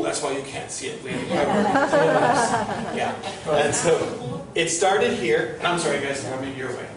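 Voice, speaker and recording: A middle-aged man with a fairly high voice leads a campus tour as an informal storyteller. He talks conversationally and checks in with his listeners through questions. He sounds far from the microphone in a very reverberant, noisy space. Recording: distant, very echoey, noisy group-tour recording.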